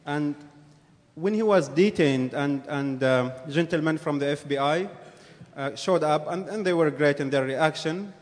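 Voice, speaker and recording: Earnest man testifying in a reverberant hall. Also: a little high. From Jordan. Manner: earnest, halting with repeated words. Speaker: witness giving testimony. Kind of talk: formal public testimony. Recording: reverberant hearing room.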